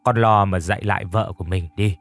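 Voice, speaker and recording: A man's voice: fairly low pitch, steady tone, fairly quick, no room sound, soft background music, close to an everyday voice. A man voicing a blunt, weary old grandmother in an audio story, grumbling in a level voice.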